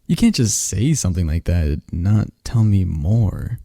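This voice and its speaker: This young ASMR performer has a low voice with vocal fry and a measured pace, recorded without echo. In a scripted friend roleplay, he keeps up lively, chatty one-sided talk with a listener who remains unheard.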